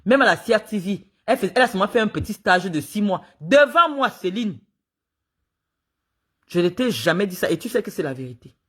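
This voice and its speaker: A woman's voice: mid-range voice, expressive, fairly quick, slightly rough. Indignant woman telling her side. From Cameroon. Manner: indignant, emphatic storytelling with quoted dialogue. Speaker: sports official speaking out. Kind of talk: spoken monologue, recounting and accusing.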